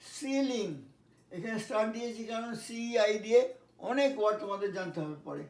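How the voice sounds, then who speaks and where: A man teaching English pronunciation, spelling words letter by letter and repeating each one slowly. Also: high-pitched, animated, darkish tone, recorded from a distance. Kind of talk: pronunciation lesson. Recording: echoey room, voice from off-mic.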